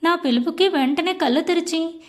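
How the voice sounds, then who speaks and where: A woman's voice: extremely high pitch, moderate pace. A woman narrating an emotional first-person audiobook story as a storyteller.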